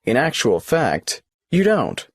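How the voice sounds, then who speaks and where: A man's voice: mid-range voice, huge pitch swings, takes it slowly, breathy edge, no room sound, studio quality, full character voice. An actor playing a polite, businesslike male tax office clerk who asks questions in a scripted exam dialogue.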